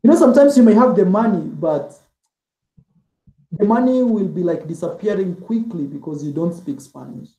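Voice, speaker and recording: In this casual interview, a travel vlogger guest rambles on, filling his speech with "like" and "man." He speaks at a normal speed in a high, mellow, animated voice, captured in reverberant, poor-quality audio.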